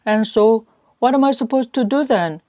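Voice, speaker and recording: A woman's voice: a little high, lively intonation, dark tone, no echo, clean studio sound, pitched above the performer's own voice, close to an everyday voice. A woman reading an audiobook voicing a flustered, eager young farmhand who pleads in a hurry. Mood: eager pleading. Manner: hurried pleading.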